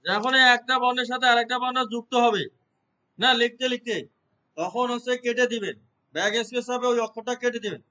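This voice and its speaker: This man teaches a computer class in a very high voice. He walks through each step slowly and keeps stopping to check that the class is following along. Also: bright, forceful tone, poor audio. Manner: explains step by step, checks understanding with repeated questions. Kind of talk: classroom lesson.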